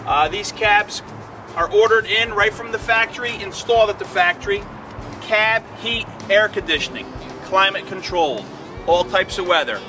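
Speaking over music at a moderate pace, a middle-aged man with a high voice gives a plain, filler-laden product walkthrough. He's an equipment dealer salesman, starting outside on a lot and moving into a tractor cab.

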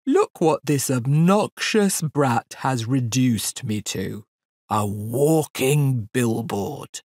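A woman's voice: rumbling low, lively intonation, slow, darkish tone, husky, dry recording, clean studio sound, exaggerated voice. A woman voicing a gloomy, lovesick male elephant in a children's story, mournful and grandly theatrical, drawing out his complaints. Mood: indignant.

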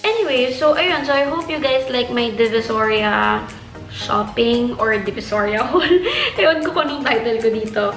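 A young Filipino woman in her twenties talks chattily to the camera, her voice sitting a little high. She is recorded in a roomy bedroom with a camera held close, and faint music plays underneath. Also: normal speed, fairly bright tone. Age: 20s. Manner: chatty, mixing Tagalog and English. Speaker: beauty vlogger. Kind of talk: casual haul vlog. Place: bedroom, indoors.

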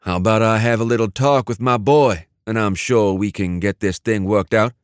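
A man's voice: on the low side, moderate pace, clean tone, dry recording, clean studio sound, close to an everyday voice. A male narrator voicing a hostile, swearing male gang boss on a phone call. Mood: angry.

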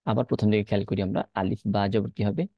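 Male teacher, low gravelly voice, dry close sound, patient step-by-step drilling. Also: fairly even intonation, dry recording, highs cut off. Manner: patient, repeats letter drills slowly. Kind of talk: step-by-step lesson on reading Arabic letters.

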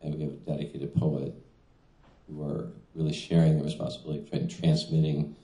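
This middle-aged man, a translator, chats casually at a small-venue reading, often restarting and using fillers. His rumbling low voice is warm and flat, moving a little fast. The room echoes, and a stand mic sits in front of him as he speaks seated.

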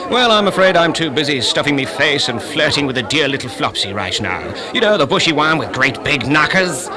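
A man playing a boozy, lecherous upper-class gentleman at a party, drawling in a plummy voice. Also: on the high side, very animated, a little fast, crowd noise. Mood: leering.

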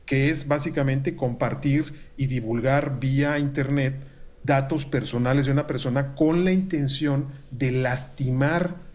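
A middle-aged Mexican university researcher offers measured, formal analytical commentary over a video call from a room at home, picked up by his webcam. He pauses often with fillers, and his mid-range voice is a little mellow.

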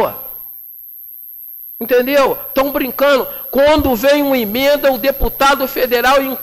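Brief: high-pitched Brazilian councilman in his 40s, combative and slangy, speaking at a chamber desk mic. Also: a bit bright. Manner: combative, indignant, with colloquial slang. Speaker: city councilman. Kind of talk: plenary floor speech. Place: municipal council chamber, indoors. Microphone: desk microphone.

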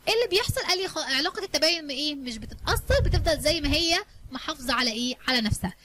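A woman math teacher with an Egyptian Arabic accent, talking at a very quick clip in a high voice. She leads her pupils through the lesson in a coaxing, colloquial way, posing questions and answering them herself. Faint noise sits under her voice. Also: lively intonation. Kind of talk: explaining a lesson to students.

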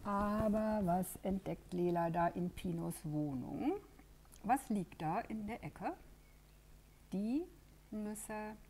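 A woman reading a children's storybook aloud, slowly and expressively, pausing to ask her listeners questions. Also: medium pitch, warm tone, a little hiss or hum. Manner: slow, asking listeners questions. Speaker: library head reading to children.

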